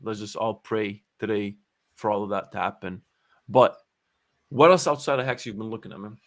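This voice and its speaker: A man's voice: on the low side, normal speed, a bit bright, no echo. A young man hosting a casual crypto chat, teasing his guest and tagging sentences with "man". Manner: teasing, says "man" and "to be honest" a lot. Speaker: crypto podcast host.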